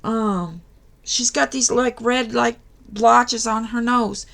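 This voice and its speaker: Tired, slow-talking woman with a gravelly voice. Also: a little high, steady tone, a bit bright. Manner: tired, yawning, late-night talk. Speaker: crafting channel host. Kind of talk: casual tutorial talk to viewers.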